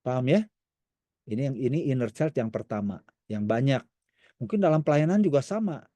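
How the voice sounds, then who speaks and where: A man's voice: mid-range voice, animated, fairly quick, mellow, no echo. A man giving a conversational teaching talk to a church women's fellowship as a counselor, often acting out quoted voices. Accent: Indonesian.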